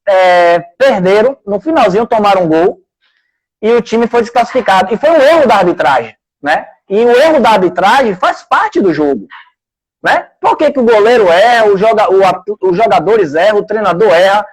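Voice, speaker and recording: A man's voice: sits high, animated, moderate pace, poor audio. A man with a Brazilian Portuguese accent, a sports coach speaking in a live interview, earnest and conversational as he tells anecdotes and acts out what people said.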